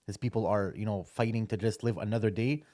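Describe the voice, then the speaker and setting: Young male co-host, low warm voice, easygoing questioner. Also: fast talker. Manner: relaxed, poses questions, fills with "like". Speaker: podcast co-host. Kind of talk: casual podcast discussion.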